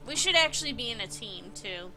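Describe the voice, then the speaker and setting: A woman's voice: a little high, lively intonation, fairly quick, heavy background noise. A woman chatting with her gaming group on voice chat, blunt and casually swearing. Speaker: gamer in a group.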